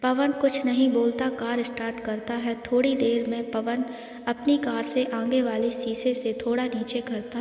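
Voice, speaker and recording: A woman narrating a story in an even, unhurried storytelling manner, recorded in an echoey room. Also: on the high side. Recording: echoey room with long reverb.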